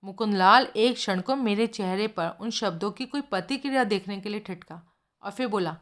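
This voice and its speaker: A woman's voice: medium pitch, moderate pace, a bit bright. Woman narrating a detective story. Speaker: audiobook narrator. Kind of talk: Hindi detective audiobook reading.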